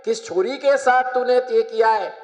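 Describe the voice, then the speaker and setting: A man plays a worried mother begging her son to stay home. The voice sits high and unhurried. A long hall reverb trails every word. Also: a little mellow, dull audio. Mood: pleading. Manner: pleading, scolding.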